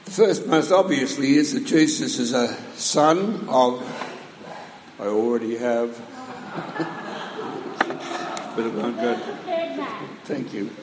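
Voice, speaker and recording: A man with a croaky voice from allergies, preaching a sermon with measured teaching and dry humor. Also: medium pitch, background noise. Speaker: pastor. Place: church hall. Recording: roomy hall with long reverb.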